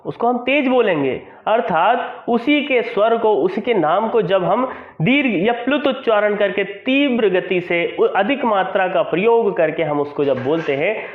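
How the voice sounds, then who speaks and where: A man's voice: high-pitched, lively intonation, a little slow. A man teaching a grammar lesson to students, explaining step by step, asking questions and then answering them himself. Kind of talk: classroom-style grammar lesson. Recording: echoey, phone-like audio.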